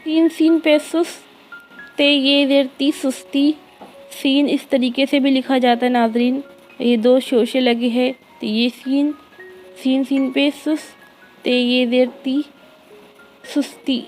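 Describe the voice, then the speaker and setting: A woman with an Indian accent, teaching an early reading lesson by spelling words out letter by letter, slow and drawn-out. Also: sits high, little pitch movement, a little mellow, faint music behind, rough recording. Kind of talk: spelling lesson for young children.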